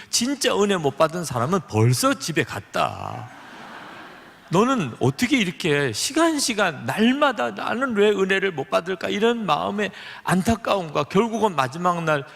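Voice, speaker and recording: A middle-aged male pastor with a creaky, slightly bright voice preaches a sermon in a large church hall, with long hall reverb on the recording. He tells a story and acts out its dialogue, shifting pitch for each voice.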